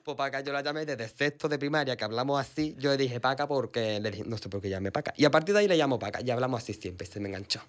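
A man's voice: mid-range voice, expressive, quick pace, hardly any pauses. A young man from Catalonia with an Andalusian-sounding Spanish accent, chatting bluntly as a podcast guest, swearing freely and laughing often. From Catalonia, near Tarragona. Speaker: podcast guest, content creator. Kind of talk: casual chat.

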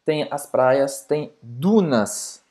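A man with a French accent co-hosting a casual lesson, repeating words slowly and deliberately to drill their pronunciation. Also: medium pitch, expressive, dark tone. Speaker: co-host, French tutor. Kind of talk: casual teaching chat.

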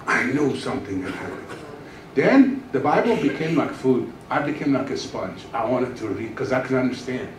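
A middle-aged man, preaching as a guest pastor, shares his testimony from a church stage with a handheld mic, bringing the dialogue to life as he narrates. His voice is mid-range at normal speed; the recording, made from far off in an echoey room, has a little hiss or hum.

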